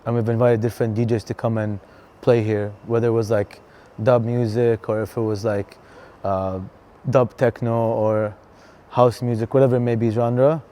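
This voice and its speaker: A man from Canada, a DJ talking casually in an interview, relaxed and chatty with lots of fillers. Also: mid-range voice, moderate pace. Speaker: DJ and venue co-founder, guest.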